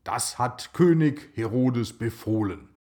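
A man telling a children's story, voicing a calm husband gently urging his wife on. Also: medium pitch, slow. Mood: gentle.

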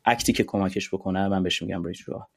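Low-voiced man explaining eagerly. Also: steady tone, gravelly. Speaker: podcast guest. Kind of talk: casual podcast conversation.

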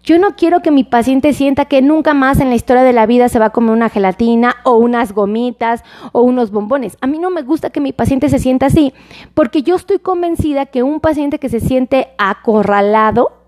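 High-voiced chatty Mexican woman doctor. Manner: warm, chatty, fond of diminutives, asks viewers for replies. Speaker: doctor giving health advice on a livestream. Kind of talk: casual livestream talk, reading viewer comments.

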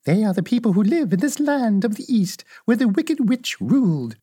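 A gentle old good witch from a storybook, calm and welcoming, put on by a reader. Her voice sits high and sweet, with a slight husk and a lively, lilting rise and fall. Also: moderate pace, husky.

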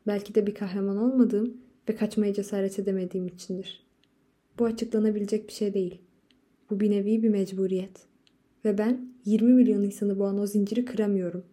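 Woman voicing a worn-out male artist, despairing, dark and mellow delivery. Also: medium pitch, steady tone, a little fast, slightly rough, close to an everyday voice. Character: anguished adult male painter, weary, desperate.

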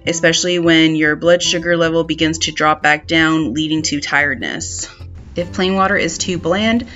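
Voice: mid-range voice, a bit bright. An advice vlogger narrating scripted self-help tips in a tidy, orderly way. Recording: slightly dull sound, music behind.

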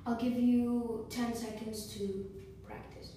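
A woman's voice: fairly high pitch, steady tone, takes it slowly, warm tone. A young woman hosting her own podcast, chatty and repetitive as she teaches beatboxing basics. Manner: chatty, repetitive, self-correcting. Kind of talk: casual tutorial podcast. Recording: echoey room, far from mic, faint noise.

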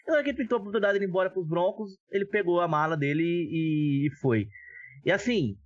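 A man's voice: high-pitched, animated, quick pace, no room sound. A Brazilian man giving opinionated, casual sports analysis as a podcast commentator, on dull lo-fi audio.

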